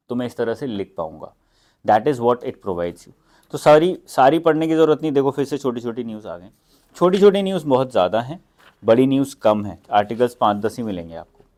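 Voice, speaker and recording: A man's voice: mid-range voice, darkish tone. A young Indian man teaching exam preparation in a casual, conversational way, mixing English phrases into Hindi with frequent fillers. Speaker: exam prep educator. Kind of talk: casual instructional talk.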